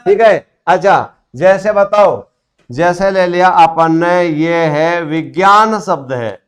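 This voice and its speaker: A man teaching a class, prompting students with questions in a classroom. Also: high-pitched. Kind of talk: classroom grammar lesson.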